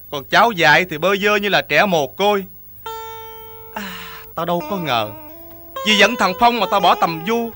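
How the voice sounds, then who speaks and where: A man's voice: high voice, lightly acted. An actor playing a grieving old grandfather who laments in sung Vietnamese opera verse. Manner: mournful, slow sung lament. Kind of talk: cải lương sung verse. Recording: echoey room with music behind.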